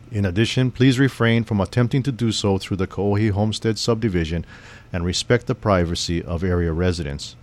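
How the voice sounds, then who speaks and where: Guy with a lowish voice doing a grave civil defense broadcast, formal n measured, reading off a script. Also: darkish tone. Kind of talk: scripted public emergency information broadcast.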